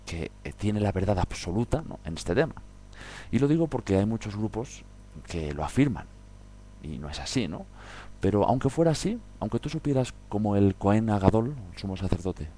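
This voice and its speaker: A man's voice: sits low, mellow, a little hiss or hum. A man giving an informal Bible study talk, conversational, often checking in with his listeners through tag questions. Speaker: Bible teacher.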